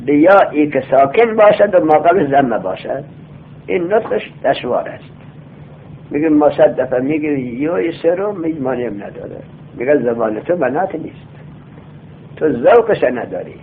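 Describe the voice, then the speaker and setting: A male teacher giving a classroom lecture. He reads lines of a text aloud slowly, then explains them and quizzes his students. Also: a little high. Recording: tinny lo-fi phone-like sound.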